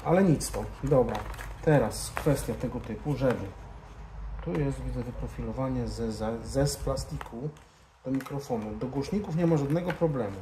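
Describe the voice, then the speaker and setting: A motorcycle vlogger with a dark, mid-range voice talks at a normal speed. Informal and easygoing, he guides viewers through a hands-on tutorial, often muttering to himself while working. The indoor garage-bar lounge adds a roomy echo, with background noise present.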